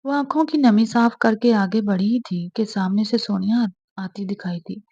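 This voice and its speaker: A woman narrating an emotional novel in a measured storytelling manner. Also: medium pitch, darkish tone, breathy edge, muffled recording.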